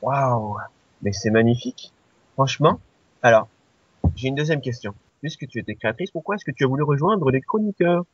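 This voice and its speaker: A man's voice: mid-range voice, lively intonation, normal speed, husky, no room sound. A man co-hosting an amateur radio show, asking playful, nitpicking questions. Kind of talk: casual interview. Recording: dry, dull lo-fi audio.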